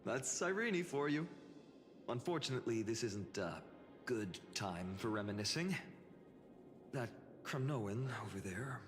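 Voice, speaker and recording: A man plays a tormented young hero in a dramatic game. His mid-pitched voice is solemn, breathy and intense, ringing in long reverb over music. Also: animated, a little slow, close to an everyday voice. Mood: wry, puzzled.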